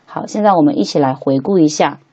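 A woman teaching English to beginners, patiently repeating each word slowly three times as she walks through a textbook lesson. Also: low voice, mellow, husky, muffled recording.

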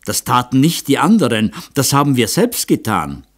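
A man reading an audiobook voices a reserved middle-aged male artist who speaks hard and measured. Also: mid-range voice, very animated, slightly rough. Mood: restrained.

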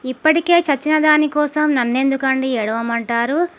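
A stubborn, sharp-tongued young wife from a folk tale, brushing off every plea with curt, dismissive replies, as a woman storyteller plays her. Her voice is high and firm. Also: fairly even intonation, normal speed.

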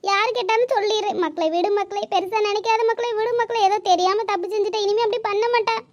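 Meenamma, a shrill soothing older woman. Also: fairly even intonation, fast talker. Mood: pleading. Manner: pleading, soothing, repeats her pet word for him. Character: kindly older woman confidante, soothing and apologetic.

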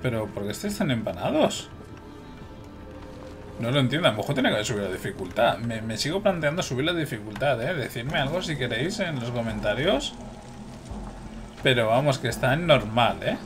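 A man's voice: mid-range voice, sing-song, normal speed, over music. A man from gives chatty, exclamatory commentary while playing a video game and talking to his viewers. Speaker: gameplay streamer. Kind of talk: casual gameplay commentary.

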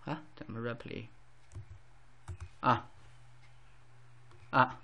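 A man's voice: medium pitch, steady tone, very slow, gravelly, pushed and bright, lo-fi sound. A man teaching a casual lesson, explaining words with everyday examples and lots of fillers.

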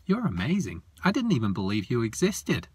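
A man voicing a curious, excitable woman who sounds eager and wonder-struck. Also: medium pitch, brisk, slightly rough, no echo, voice pushed up, full character voice.

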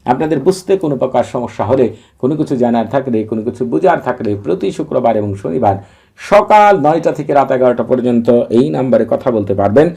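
Husky dark-voiced man giving instructions. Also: mid-range voice, brisk. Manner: repetitive, steady step-by-step instructions; recites long Arabic formulas in a chanting cadence. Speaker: Islamic ritual instructor. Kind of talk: instructional talk to viewers.

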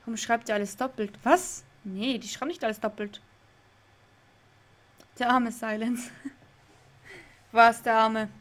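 A woman's voice: on the high side, a little slow, pauses often. A young woman streaming a game live, chatting with her chat, laughing often and getting confused. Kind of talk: live let's play with chat reading. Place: home room.

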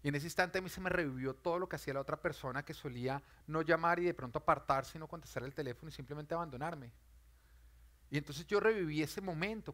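Male pastor, slightly high voice, earnest sermon storytelling that builds to loud peaks. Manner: earnest storytelling, swells loud on key lines.

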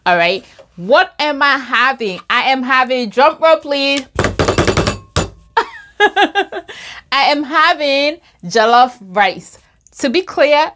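A woman's voice: on the high side, a bit bright, slight background noise. A middle-aged woman from Liberia, chatting casually to camera at her table at home while she eats. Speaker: vlogger. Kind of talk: casual mukbang chat to camera.

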